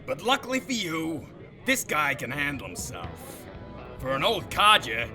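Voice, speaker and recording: This man's exaggerated, pushed and bright voice sits a little high, swings hugely in pitch and moves a little slowly. He performs a showy, salesman-like space-saloon barkeep, folksy and full of wisecracks, with a drawling, theatrical, wry and gossipy delivery over background music.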